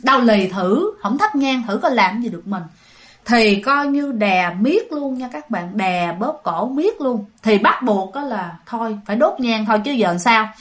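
Brief: woman narrator, casual ghost-story telling, slightly high voice. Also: animated, a little slow, fairly bright tone. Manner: chatty, addresses listeners directly.

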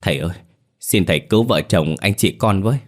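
A man's voice: low voice, fairly quick, close to an everyday voice. A man voicing a scheming woman who pleads tearfully with a sorceress in a storybook tale. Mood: pleading.

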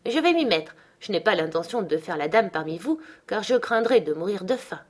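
A woman's voice: mid-range voice, big pitch swings, normal speed. A woman reading aloud as a weary, frightened young woman who asks anxious, pleading questions.

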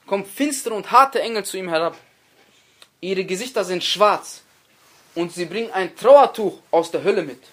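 A man's voice: sits high, normal speed, a bit bright. A man giving a religious lecture, preaching earnestly, repeating key phrases and addressing his listeners directly, with dramatic stress on quoted speech.

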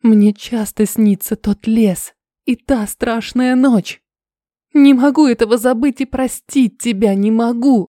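A frightened but defiant young wife, as a woman narrator puts her on, tense and pleading. Her voice is mellow and warm, heard dry and close. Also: a little high, measured pace, no echo, natural voice.

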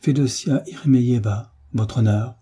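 A man's voice: medium pitch, a little slow, mellow, husky. A man voicing a wary old servant. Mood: subdued. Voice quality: deferential and subdued.

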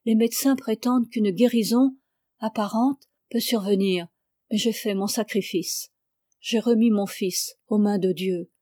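A woman reading the lines of a pious, austere noble mother who speaks in a solemn, measured, devout way. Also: mid-range voice, mellow, no room sound, studio quality, natural voice.

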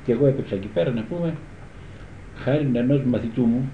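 Recalling earlier days, an aging guitar teacher talks in a loose, chatty way and keeps asking whether his audience gets it. His voice is mid-range with a touch of hiss or hum, recorded on dull old tape in a room full of echo.

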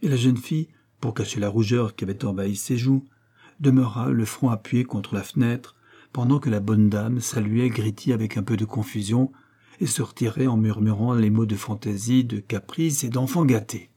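A man narrates a classic novel in a measured, even storytelling voice. His tone is mellow and dark. There is a husky, breathy edge to his voice. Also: medium pitch. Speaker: audiobook narrator. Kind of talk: scripted literary narration.

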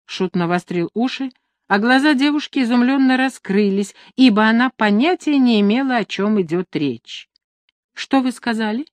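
A woman reading a historical novel aloud, narrating in an even, expressive storytelling manner. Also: a little high, normal speed, no room sound. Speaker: audiobook narrator. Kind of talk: scripted narration.

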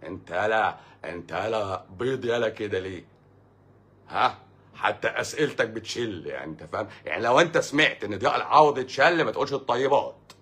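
An Egyptian-accented man hosts a casual livestream, reading out viewer questions and answering them with rambling sarcasm. His delivery is rapid and his voice is husky. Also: fairly low pitch, animated, fairly bright tone. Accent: Egyptian Arabic. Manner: sarcastic, mocking, fast and rambling.

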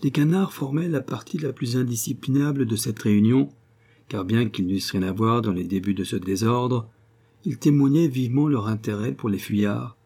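Man narrating a story in a husky voice. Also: medium pitch, warm tone. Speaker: audiobook reader. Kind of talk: scripted narration.

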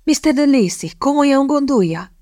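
A woman's voice: lowish voice, a little mellow, no room sound, clean studio sound, natural voice. A woman reading the part of a scheming young woman, putting on feigned, theatrical desperation. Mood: pleading. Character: scheming young woman seeking a rich husband. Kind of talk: audiobook character reading.

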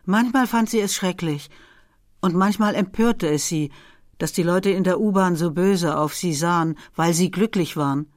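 A woman giving an expressive literary reading, voicing dialogue with feeling. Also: fairly low pitch, moderate pace, dry recording, studio quality. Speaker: literary reader.

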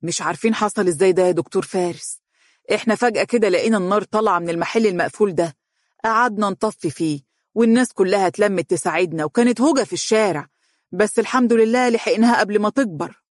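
Fast flustered egyptian shopkeeper guy, narrator puts him on, dry sound. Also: medium pitch, no echo, pitched above the performer's own voice, lightly acted. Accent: Egyptian Arabic.

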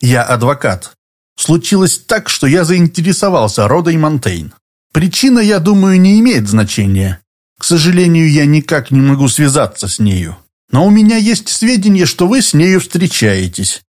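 A man reading an audiobook, voicing a calm, persistent lawyer who speaks evenly and deliberately. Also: on the high side, voice pushed up. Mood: earnest. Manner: even, deliberate and insistent.

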